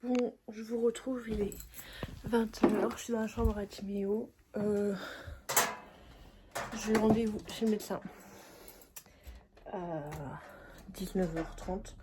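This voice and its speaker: A woman's voice: mid-range voice, fairly even intonation, takes it slowly, long pauses, very noisy. A young woman chatting informally to her vlog viewers at home, rambling and trailing off into filler words. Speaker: vlogger, mother. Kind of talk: casual vlog chat to viewers.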